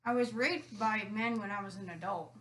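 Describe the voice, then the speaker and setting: A woman's voice: medium pitch, normal speed, a bit bright, a little hiss or hum. A woman sharing personal testimony in casual conversation, speaking candidly and matter-of-factly about painful experiences. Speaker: guest sharing recovery testimony.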